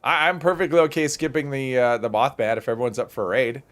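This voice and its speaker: A man's voice: mid-range voice, fairly even intonation, fast, fairly bright tone. A man hosting a livestream, casually thinking aloud as he plays and rambling off into conversational asides. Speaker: livestream host.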